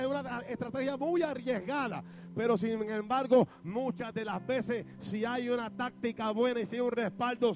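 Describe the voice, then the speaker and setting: A man preaching a fiery Pentecostal sermon, acting out a boxing match and shouting praise to the congregation. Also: extremely high pitch. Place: church sanctuary. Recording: church service with music behind. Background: band music.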